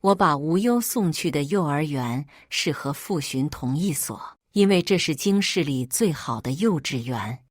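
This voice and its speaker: A woman reading a first-person family drama aloud in a steady, emotional storytelling manner. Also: deep voice, measured pace, hardly any pauses, dry recording, clean studio sound.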